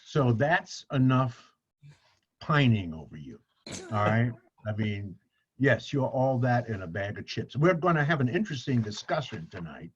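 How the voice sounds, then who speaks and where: A man's voice: medium pitch, big pitch swings, measured pace, muffled recording, slight background noise. A man hosting a podcast, introducing his guest effusively and repeating words for emphasis. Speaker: podcast host.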